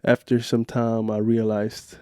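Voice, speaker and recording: A young man from Switzerland tells a story in a casual podcast interview. His voice is mellow and dark, and he acts out what others said. The sound is close and dry. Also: mid-range voice, measured pace, clean tone, no echo. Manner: animated storytelling with acted-out quotes. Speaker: guest, professional basketball player.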